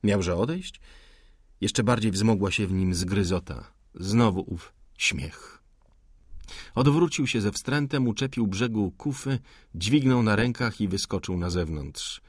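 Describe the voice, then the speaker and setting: A man reads a classic novel aloud in a measured, deliberate way. His voice is low and a little husky. The recording is close and dry, with no room sound. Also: no room sound. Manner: measured, deliberate literary reading. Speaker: narrator. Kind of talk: audiobook narration.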